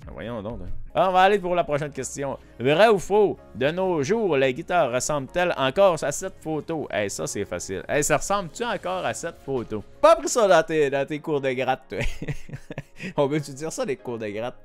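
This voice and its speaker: Lively Québécois man streaming, teasing chat. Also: a little high, normal speed, soft background music. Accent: Québécois French. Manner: playful, teasing, laughs often, animated. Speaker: Twitch streamer. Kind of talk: casual live-stream chat while playing a quiz game. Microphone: desk microphone.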